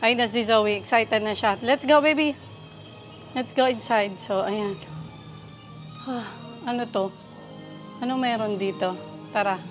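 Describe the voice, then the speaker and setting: A woman narrating a casual travel vlog while walking through an indoor theme park, exclaiming excitedly to her viewers as she films on a handheld phone. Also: on the high side, a little slow, long pauses, faint music behind. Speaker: vlogger.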